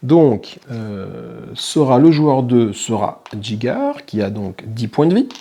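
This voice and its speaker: Man, gravelly voice, board game host, casual explaining, thinks aloud. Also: mid-range voice, big pitch swings, slow, mellow. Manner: casual and chatty, thinking aloud with small self-corrections. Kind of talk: explaining a solo tabletop game playthrough.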